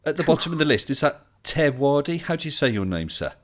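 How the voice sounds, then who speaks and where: A man's voice: on the high side, big pitch swings, quick pace. A man hosting a casual live stream, chatting politely and welcoming people as they join.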